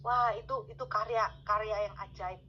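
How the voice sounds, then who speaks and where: A woman's voice: steady tone, normal speed, muffled recording, a little hiss or hum. A woman giving a conversational sermon testimony over a video call, addressing her listeners directly and acting out the voices she quotes. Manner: conversational, fillers of gitu ya, addresses listeners as saudara; acts out quoted voices with sharply raised pitch.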